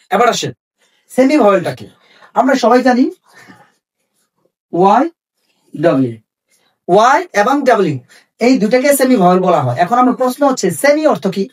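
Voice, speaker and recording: A man teaching an English lesson. He asks questions and then answers them, and spells out English phrases slowly. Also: very high-pitched, expressive, recorded from a distance.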